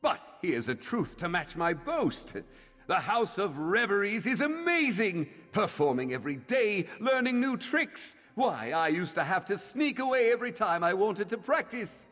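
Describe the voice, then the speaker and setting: A man's voice: sits high, very animated, normal speed, a bit bright, heavily acted. An actor playing a boastful, eager male fire-breathing performer in a video game, speaking in a showy, theatrical way. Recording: slight hall reverb with game music.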